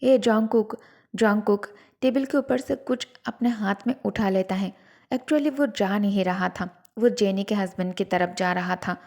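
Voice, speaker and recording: A woman narrates a fan-fiction drama with a warm, mellow tone. She tells it in a lively, dramatic way. Her voice stays even and middle-pitched. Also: normal speed. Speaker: storyteller.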